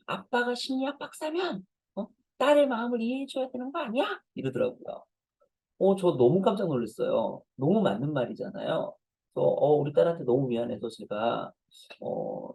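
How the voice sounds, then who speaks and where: Gravelly-voiced man giving a lecture. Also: medium pitch, warm tone, no echo, rough recording. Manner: anecdotal, self-deprecating storytelling to parents. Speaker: professor giving a parent lecture. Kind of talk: conversational lecture.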